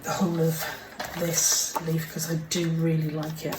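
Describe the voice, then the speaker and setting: A woman's voice: sits low, monotone, a little slow, very noisy. A woman talking through a casual crafting tutorial at her home desk, chatty and apologetic, sometimes dropping to a half-whisper. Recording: roomy, mic set far off, kitchen clatter behind.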